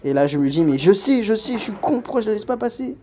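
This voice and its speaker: A young man doing a voice-over commentary on his own padel match, self-mocking and excitable, swinging from muttering to shouting. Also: high-pitched, fast talker, slight background noise.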